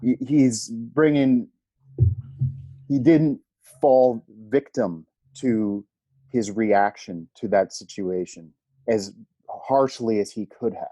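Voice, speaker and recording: A man co-hosting a podcast in casual analytical discussion, often pausing mid-thought as he works out his point. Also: medium pitch, warm tone, dry recording, poor audio. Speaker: podcast co-host.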